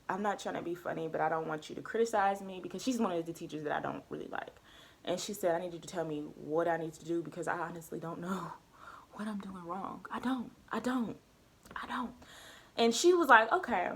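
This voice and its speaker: Young woman, casual storytelling vlogger, lively, slangy, acts out the people she quotes. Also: medium pitch.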